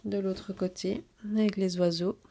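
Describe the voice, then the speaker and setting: A woman showing off her scrapbooking purchases in a casual haul video, talking slowly and hesitantly with many fillers. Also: mid-range voice, little pitch movement, warm tone, slight background noise.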